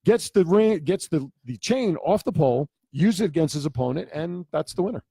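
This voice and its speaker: A man co-hosts a casual radio-style chat, talking quickly and keeping the jokes going. His voice sits a little high but sounds dark and mellow. The studio sound is dry and close. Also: animated, breathy edge, no room sound. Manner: quick, joking, steers the talk. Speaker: co-host. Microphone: studio mic.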